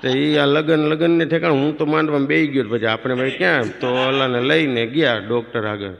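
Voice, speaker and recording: Gravelly comedian. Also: male voice, mid-range voice, brisk, dull audio, a crowd in the background. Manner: folksy, animated, playing to the laughs. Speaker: stand-up comedian. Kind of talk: comic storytelling on stage. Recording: live hall reverb.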